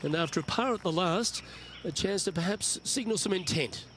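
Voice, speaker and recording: A man working as a golf commentator, calling shots in measured, understated sportscaster remarks for a video game. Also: high-pitched, background noise, natural voice. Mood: measured, encouraging. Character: polished male golf commentator calling each shot. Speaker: golf commentator, lead announcer.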